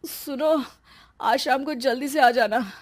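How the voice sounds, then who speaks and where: A woman's voice: high-pitched, takes it slowly. A woman voicing a young husband who is pregnant, whiny, fearful and always complaining. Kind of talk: storybook voice acting.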